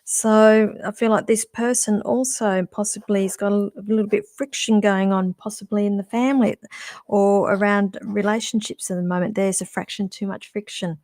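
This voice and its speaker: A middle-aged woman gives a casual psychic reading on a live stream, chatty and musing aloud, halting, restarting and using fillers as she goes. Her voice is medium-pitched and darkish with fairly even intonation.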